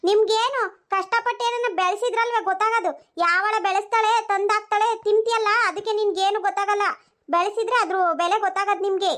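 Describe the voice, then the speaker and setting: Cartoon old village granny, voiced by a performer, nagging, squeaky high voice. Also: steady tone, fast, fairly bright tone. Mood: scolding. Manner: scolding, grumbling to herself. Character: nagging old village grandmother, scolding and suspicious. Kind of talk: cartoon voice acting.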